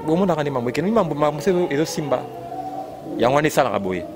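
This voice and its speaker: A man with a Congolese French accent in an animated, repetitive casual chat about music, exclaiming often. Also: on the high side, quick pace. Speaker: fan discussing rumba music. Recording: loud music playing behind.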